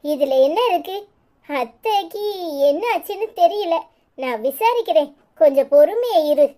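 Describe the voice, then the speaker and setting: A woman voicing Aishu, a calm soothing young woman. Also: extremely high pitch, normal speed. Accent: Tirunelveli Tamil. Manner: soothing, reassuring.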